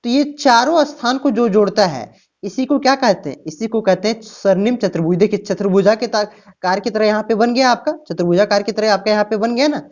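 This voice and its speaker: A woman with a medium-pitched, somewhat dark voice speaks briskly as she teaches an exam-prep lesson, often posing a question and then answering it herself. She explains through rhetorical questions and keeps repeating "ठीक ना" and "प्यारे बच्चों". The recording is dull and lo-fi.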